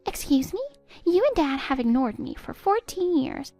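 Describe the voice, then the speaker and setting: A woman's voice: sits high, sing-song, moderate pace, warm tone, dry recording, soft background music. A woman voicing a spiteful stepdaughter in her twenties who sneers and cuts down her stepmother. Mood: scornful. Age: 20s. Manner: sneering, cutting, contemptuous. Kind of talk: text-story voice acting.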